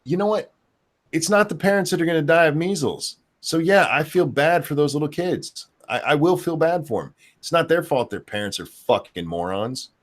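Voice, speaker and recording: A man's voice: a little high, lively intonation, moderate pace. A man hosting a live stream in casual chat, reading out viewer comments with blunt, sardonic swearing.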